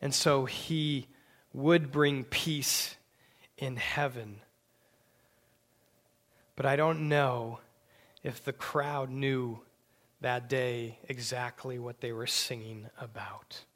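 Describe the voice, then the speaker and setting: Slow, emphatic male preacher. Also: mid-range voice, fairly even intonation. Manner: slow, emphatic preaching with hushed whispered asides. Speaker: pastor. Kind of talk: sermon.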